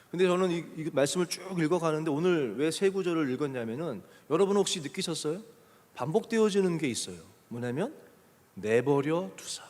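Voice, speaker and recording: A man preaching a youth service sermon as a pastor, emphatic and swinging between loud pushes and hushed asides. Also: fairly high pitch. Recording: long reverb of a church hall.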